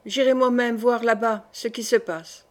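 A cold, imperious queen mother gives her orders in a calm, dismissive way, as a woman reading a novel aloud voices her. Her voice sits fairly high. She never raises it. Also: measured pace, natural voice. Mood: commanding.

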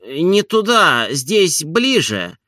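A shy, lovesick gentleman as a male narrator reads him, slow and soft, pleading with each word. His voice is bright and clear in a dry, close recording. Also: a little high, big pitch swings, dry recording, pitched above the performer's own voice, exaggerated voice. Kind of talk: audiobook character reading.

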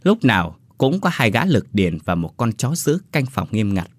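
A man narrating a story in a scripted style, lively and shifting his voice for the characters. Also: lowish voice, normal speed, no room sound.

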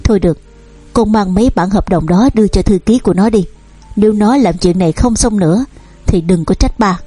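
A woman's voice: medium pitch, brisk, dark tone, husky, no room sound, soft background music, close to an everyday voice. A woman voicing a harsh, scolding old father who owns a company. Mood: weary. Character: stern angry old father, a company owner.

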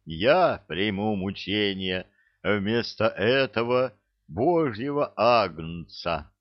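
A man voicing a huge, muscular young man who poses as a pompous preacher, speaking in a slow, solemn, sermon-like way. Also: on the low side, lively intonation, dry recording, lo-fi sound. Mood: solemn preaching.

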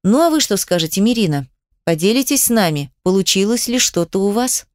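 A woman reading the part of an adult male mage teacher, calm and instructive, a little condescending. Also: medium pitch, a little fast, dry recording, studio quality, lightly acted. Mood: friendly.

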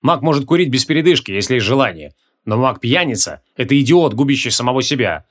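A male audiobook reader voicing a stern, grumbling male archmage who lectures in a gruff way. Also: mid-range voice, animated, fast, lightly acted. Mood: lecturing.

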